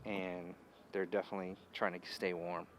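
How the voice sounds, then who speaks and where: A man's voice: deep voice, level tone, moderate pace, fairly bright tone. A young man chatting casually about fishing, recorded outdoors by a lake. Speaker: fishing companion.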